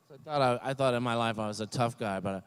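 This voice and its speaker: A man's voice: mid-range voice, clean tone. An older man giving a comedic commencement speech at a graduation ceremony, rambling and self-deprecating with many fillers. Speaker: commencement speaker.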